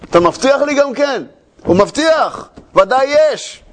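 Man, high voice, Torah teacher, retells a tale, animated lecture, asks rhetorical questions, repeats phrases. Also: a little hiss or hum.

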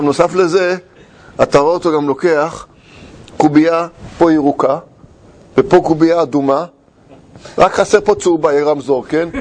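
Chatting casually, a middle-aged man recounts something that happened to him in a voice pitched on the high side. He's lively and laughing, but often pauses, starts over and gropes for the right words.

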